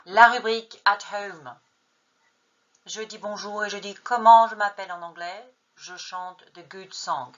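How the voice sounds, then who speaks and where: A woman's voice: medium pitch, fairly even intonation, a little slow, highs cut off. A woman teacher trainer narrating a lesson, posing true-or-false questions and then answering them. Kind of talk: narrated lesson on an English textbook.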